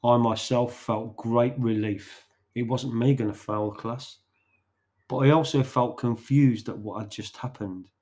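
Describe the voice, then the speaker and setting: A man hosting a podcast who narrates a story in a slow, deliberate way, pausing between phrases. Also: medium pitch, steady tone, a little mellow.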